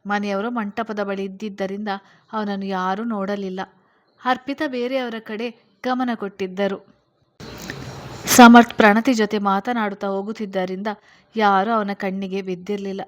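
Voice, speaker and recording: A woman's voice: medium pitch, little pitch movement, normal speed. A woman steadily narrating a serialized novel as the channel's storyteller.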